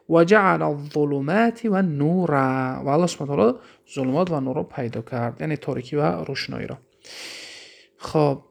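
Man, Tajik accent, grammar teacher, gravelly and slightly high voice; reads slowly, explains fast with questions. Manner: reads Arabic phrases slowly, then explains quickly with questions. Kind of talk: classroom lesson explaining Arabic text in Persian.

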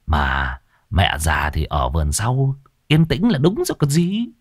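A man's voice: fairly low pitch, a little slow, dry recording, clean studio sound. A man voicing a callous middle-aged village man, drawling and offhand. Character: callous middle-aged brother-in-law, brushing things off.

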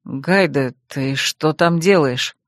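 A woman voicing an exasperated older brother who scolds in a lowered voice. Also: steady tone, measured pace, dry recording, clean studio sound.

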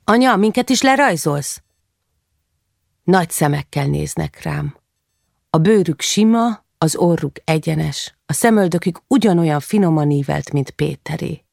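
A woman reading a first-person novel in a quiet, measured way, lifting her voice for the children. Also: low-pitched, vocal fry, dry recording, clean studio sound. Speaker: audiobook narrator.

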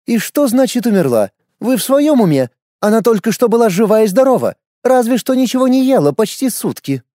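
A man's voice: very high voice, sing-song, a little fast, warm tone, dry recording, studio quality, voice pushed up. A man voicing a cold, scheming female elf commander who speaks in an icy, commanding, contemptuous way. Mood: feigned shock.

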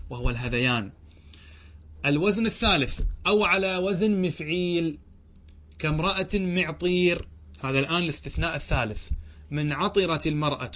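A man's voice: on the high side, a bit bright. A man teaching Arabic grammar in a lesson, reading the text aloud and then explaining it step by step, asking questions and answering them himself. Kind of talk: classroom lesson with questions to students.

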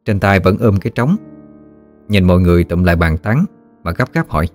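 A man narrating an audiobook story in a steady, descriptive way. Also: sits low, brisk, soft background music.

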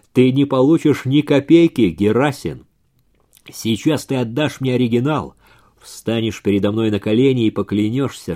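A man voicing a furious, accusing male partner who snarls and shouts in a story reading. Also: medium pitch, close to an everyday voice.

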